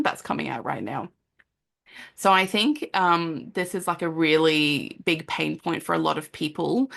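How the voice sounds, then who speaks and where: A woman in her thirties hosts a solo parenting podcast, her voice sitting low with a heavy, crackly fry running through it. She talks in an earnest, chatty way, leaning on "um" and "like" as she goes. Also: a bit bright. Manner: earnest and conversational, with frequent "um" and "like" and occasional laughs. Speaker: podcast host, parenting counsellor.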